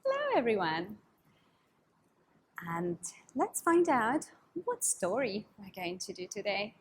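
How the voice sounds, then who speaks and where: A woman teaching a children's yoga story class in an animated, coaxing, sing-song, overbright party-host manner, with a breathy voice. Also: mid-range voice, slow pace, a little hiss or hum. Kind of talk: kids' yoga lesson with storytelling.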